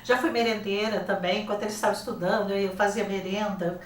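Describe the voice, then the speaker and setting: A woman's voice: mid-range voice, fast talker, recorded from a distance, slight background noise. An older woman with a Brazilian Portuguese accent, a teacher telling classroom stories in a TV interview, acting out quoted dialogue. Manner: lively, acts out quoted dialogue. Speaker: guest author and teacher. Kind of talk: casual interview storytelling. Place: TV studio. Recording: roomy, off-mic studio sound.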